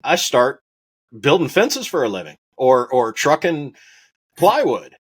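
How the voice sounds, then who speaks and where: Husky-voiced Wyoming rancher telling stories. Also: male voice, mid-range voice, unhurried. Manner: animated, acts out voices in anecdotes, laughs often. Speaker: rancher guest. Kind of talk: casual interview storytelling.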